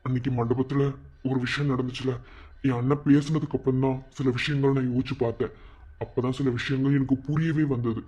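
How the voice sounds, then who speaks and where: A man's voice: medium pitch, fairly even intonation, a little fast, a little mellow, close to an everyday voice. A man with a Madurai Tamil accent voicing a lovesick young man who pleads and apologizes to his girlfriend. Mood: pleading. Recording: muffled lo-fi recording.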